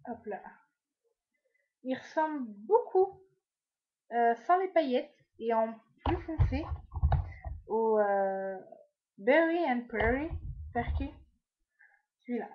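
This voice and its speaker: A woman from France talks through her makeup haul at home in a casual, rambling way, full of fillers and asides. Her voice sits a little high. The sound is dull and lo-fi, like a basic home video. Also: animated, takes it slowly, pauses often. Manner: chatty, many fillers and trailing asides. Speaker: beauty vlogger. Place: at home, indoors.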